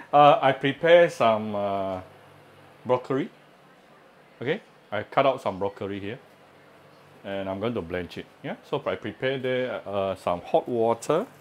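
A man's voice: lowish voice, expressive, measured pace, long pauses, slight background noise. A man hosting a casual home cooking demonstration, chatting and explaining as he works, with frequent "uh" fillers. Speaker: home cooking channel host. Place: home kitchen at the stove.

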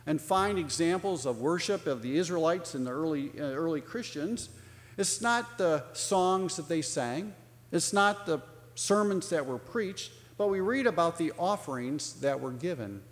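A male pastor preaching a sermon, telling a story and voicing its people in a livelier tone. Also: on the high side. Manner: storytelling, acts out dialogue in a raised voice. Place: church sanctuary. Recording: long church reverb.

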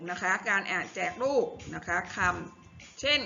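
A woman teaching young children to read, spelling out syllables slowly and deliberately in a clear classroom reading voice. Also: lowish voice, lively intonation, pushed and bright, highs cut off, soft background music. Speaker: primary school teacher.

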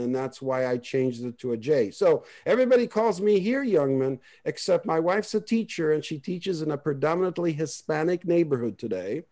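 A man's voice: on the high side, dark tone. Man telling family history. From Israel. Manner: rambling, conversational, many restarts. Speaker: presenter. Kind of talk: family history talk and Q&A on a video call.

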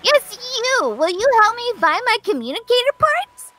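Woman putting on a chirpy stranded sailor voice, way up high and bouncy, hammy and sing-song, game music faint under it. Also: big pitch swings, normal speed, very noisy. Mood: pleading. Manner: theatrical, sing-song, exclamatory. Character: stranded cheery castaway sailor, pun-loving. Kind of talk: reading game dialogue aloud in a voice.

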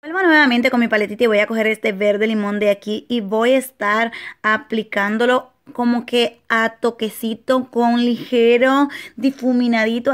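Brief: young woman beauty vlogger, fairly high voice, friendly chatty tutorial voice-over. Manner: affectionate, chatty, lots of diminutives.

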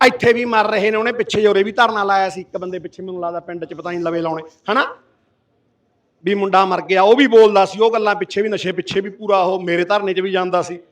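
Man, Punjabi accent, middle-aged, fiery protest speech, very high voice, distant from mic. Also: steady tone, quick pace. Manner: impassioned, forceful, roaring. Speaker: activist addressing a protest gathering. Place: village protest sit-in. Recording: voice from far off the mic.

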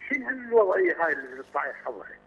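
An Iraqi man calls in over a tinny phone line, speaking fast and indignantly. His voice is husky and swings widely in pitch, with a long reverb around it. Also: very animated, a bit bright. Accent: Iraqi Arabic. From Iraq. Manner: indignant, repeats himself. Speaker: caller. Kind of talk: phone-in call.

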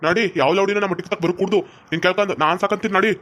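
Someone doing a blunt village man, rapid talker. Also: medium pitch, steady tone, fairly bright tone, lightly acted. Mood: gruff. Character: rough young village man who protects the cross-dressing husband.

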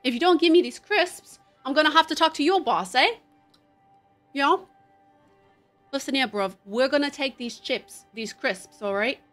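Swaggering street tough, mock British slang, lower than her own voice, put on by a woman streamer. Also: moderate pace, long pauses, a bit bright, faint music behind.

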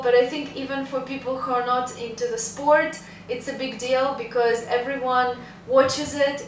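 A woman's voice: fairly high pitch, far from the mic. Chatty young woman in a roomy space. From Russia. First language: Russian. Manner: chatty, upbeat, laughs while talking. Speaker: vlogger. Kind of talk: casual vlog talk to camera. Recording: roomy, a little off the mic, faint hiss.

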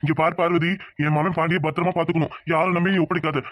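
A man's voice: fairly high pitch, flat delivery, quick pace, fairly bright tone, dry recording, close to an everyday voice. A man voicing a stern proud village father. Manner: stern, commanding. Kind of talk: cartoon dubbing. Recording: dull lo-fi audio.

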